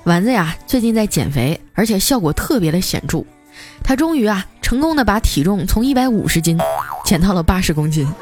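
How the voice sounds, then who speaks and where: A woman host telling scripted comic stories in a playful, lively way. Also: medium pitch, brisk, faint music behind. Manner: lively, playful, often laughing through punchlines. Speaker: radio comedy host.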